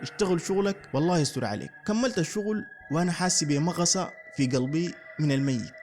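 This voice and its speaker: Brief: male narrator, higher voice, rapid dramatic horror storytelling, faint music under him. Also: darkish tone. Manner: dramatic first-person storytelling.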